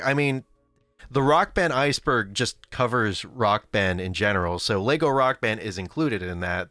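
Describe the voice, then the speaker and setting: A man with a fairly low voice that's bright and forceful hosts a casual livestream, recorded with no echo over faint background music. He rambles as he reads chat, laughing frequently and correcting himself.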